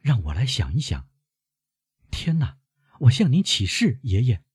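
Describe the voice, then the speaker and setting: A man's voice: mid-range voice, huge pitch swings, unhurried, darkish tone, husky, no room sound, clean studio sound, voice pushed up, full character voice. A man voicing an anxious, devoted young granddaughter who keeps pressing her questions urgently. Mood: anxious pleading.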